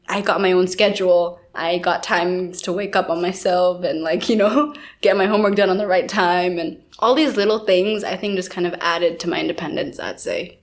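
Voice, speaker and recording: Young woman from india, podcast cohost, mid voice, chatty and casual, says like a lot. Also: medium pitch. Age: young adult. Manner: chatty, lots of "like" and "I feel like". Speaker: podcast co-host.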